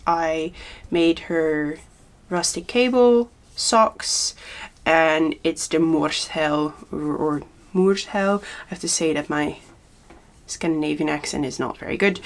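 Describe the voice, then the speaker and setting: A young woman hosting a knitting podcast, chatting casually and thoughtfully with frequent pauses and a touch of nerves. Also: medium pitch, fairly bright tone. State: a little nervous. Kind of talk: casual chat.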